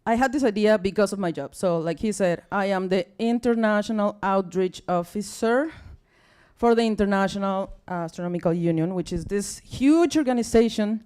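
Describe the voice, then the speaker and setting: This is a young Mexican woman with a Spanish accent, for whom English is a second language, giving a casual live talk that pokes fun at herself at a science talk night. Her mid-range voice is clean and mellow at a normal speed, sounding tired, and she chats and apologizes, full of fillers and restarts, before an audience in a bar or event room.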